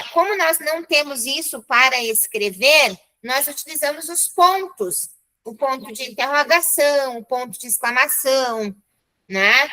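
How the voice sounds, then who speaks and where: Bright, high-voiced Brazilian teacher. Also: female voice, rough recording. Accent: Brazilian Portuguese. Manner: chatty, encouraging, with frequent "né?" and "tá?" checks. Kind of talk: live online class.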